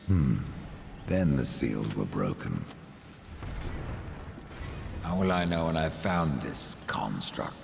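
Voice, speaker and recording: Very deep, gravelly, sardonic grim Horseman. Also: big pitch swings, takes it slowly, pauses often, background noise, heavily acted. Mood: brooding, questioning. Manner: dry, sardonic, terse. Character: grim, sardonic male Horseman, a deathly wanderer. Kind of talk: dramatic fantasy game dialogue. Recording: long reverb, loud music behind.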